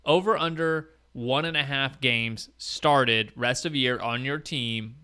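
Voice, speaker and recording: A man's voice: mid-range voice, slow pace, bright, forceful tone, clear, resonant tone. A man hosting a casual sports chat about a fantasy league, talking informally. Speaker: host and league commissioner.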